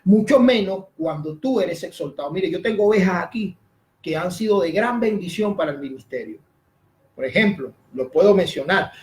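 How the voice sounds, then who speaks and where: High-voiced preaching pastor, echoey church. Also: male voice, darkish tone. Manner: emphatic preaching with rising and dropping voice, frequent "amén". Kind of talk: sermon.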